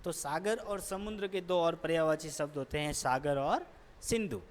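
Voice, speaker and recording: A woman's voice: low voice, moderate pace. A woman teacher explaining a lesson patiently, step by step, repeating each answer. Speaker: school teacher. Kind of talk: recorded classroom lesson explanation. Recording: long echoing reverb.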